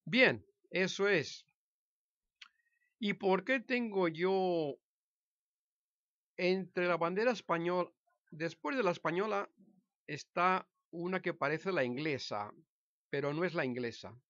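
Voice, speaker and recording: A man's voice: high voice, animated, fairly bright tone, dry recording, highs cut off. Hesitant Spanish man in his sixties. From Spain. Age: 60s. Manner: hesitant, halting, with frequent restarts and self-corrections. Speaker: vlogger telling his life story. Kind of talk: casual personal monologue to camera.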